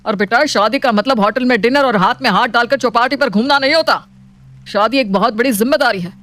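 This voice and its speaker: A woman's voice: on the high side, a little fast, a bit bright, natural voice. A woman voicing a stern wealthy father. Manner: commanding, scolding. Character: stern wealthy middle-aged father, strict and proud. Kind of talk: animated storybook voice acting.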